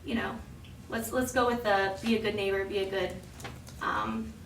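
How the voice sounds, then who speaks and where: A woman who promotes downtown businesses chats her way through a report at a council meeting, stumbling through ums and self-corrections. Her mid-range voice, slightly raspy from weekend cheering, keeps fairly even intonation at a moderate pace. Sound is echoey with a far-off mic and faint hiss.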